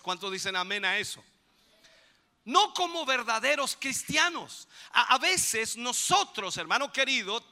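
A man preaching a sermon as pastor, building to shouted peaks and calling for amen. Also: very high-pitched, long reverb tail. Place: church.

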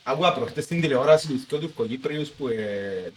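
A man's voice: mid-range voice, lively intonation, slight background noise. A man from Akaki with a Cypriot Greek accent, hosting a casual podcast interview and asking probing, conversational questions. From Akaki, Cyprus. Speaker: podcast host.

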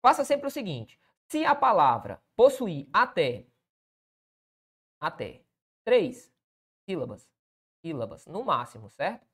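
Lively Brazilian teacher checking in often. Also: male voice, sits high, slow, long pauses, husky. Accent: Brazilian Portuguese. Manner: keeps checking in with the listener and pointing things out. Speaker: essay-writing teacher. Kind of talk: correcting a student essay aloud.

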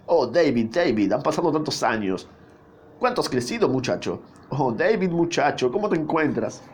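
A man's voice: medium pitch, big pitch swings, normal speed, a little hiss or hum, close to an everyday voice. A man voicing doting elderly grandparents who fuss tenderly over a grandson they have not seen in years.

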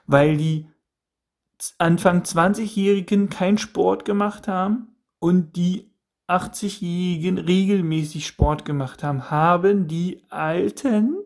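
A man's voice: high voice, darkish tone. A man in his thirties hosting a solo podcast, musing aloud with repeated questions and frequent restarts. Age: 30s. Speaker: podcast host. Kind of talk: casual solo podcast monologue.

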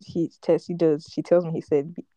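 A woman's voice: low-pitched, level tone, brisk, warm tone, no room sound. Young woman rambling through a story. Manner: rambling, laughing, lots of "like" and restarts. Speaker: podcast host. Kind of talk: casual storytelling chat.

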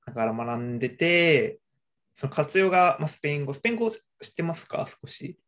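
A young adult in easygoing conversation, voice sitting at an ordinary middle pitch. The talk wanders along with fillers and self-corrections, unhurried and relaxed. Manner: relaxed, hesitant, many fillers and restarts. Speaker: conversation partner. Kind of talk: casual chat.

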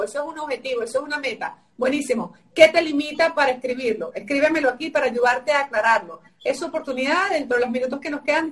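A woman's voice: high voice, far from the mic. A woman giving emphatic, repetitive advice on a live stream, her voice tired and sore-throated. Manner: emphatic, repetitive teaching phrasing. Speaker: guest coach.

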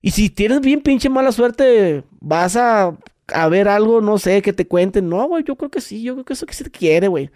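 A man telling a story in casual podcast chat, animated, full of crude slang and acted-out voices. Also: high voice, moderate pace, no room sound, studio quality.

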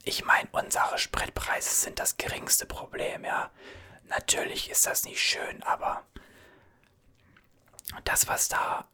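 A man's voice: takes it slowly, long pauses, sharp tone. A man whispering as a chatty, soothing gas station cashier in an ASMR roleplay, reassuring and rambling.

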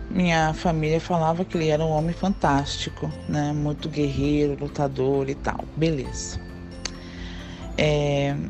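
Woman telling a story, mellow voice. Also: low-pitched. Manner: animated, acts out quoted dialogue. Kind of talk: casual personal storytelling.

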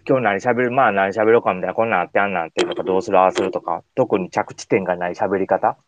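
A man's voice: low voice, steady tone, racing, highs cut off, noisy background. A man with a Kansai accent hosting a radio show in casual, colloquial chat. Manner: informal, colloquial.

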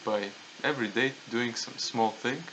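A man's voice: medium pitch, normal speed, a bit bright, poor audio. A young man with a Latvian accent speaks as a guest in a casual podcast discussion. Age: young adult. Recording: clear background noise, room ambience.

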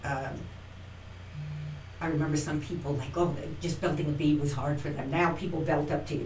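As an interview guest, a middle-aged woman who acts and teaches acting recounts her story with animation, performing quoted lines and often starting over. Her deep voice moves at a moderate pace, and the recording is roomy and distant with faint noise.

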